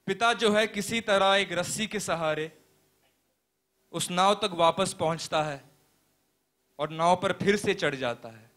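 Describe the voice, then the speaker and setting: A young man playing a pastor in a stage play, telling a parable as a sermon in a slow, earnest preaching manner with deliberate pauses. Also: high voice, fairly bright tone. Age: young adult.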